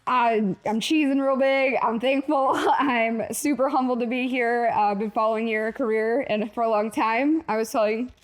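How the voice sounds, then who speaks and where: Bubbly young woman, higher voice. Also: fairly even intonation, moderate pace, few pauses. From Mexico. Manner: bubbly, chatty, giggly, filler-heavy. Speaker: singer, interview guest. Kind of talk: casual interview.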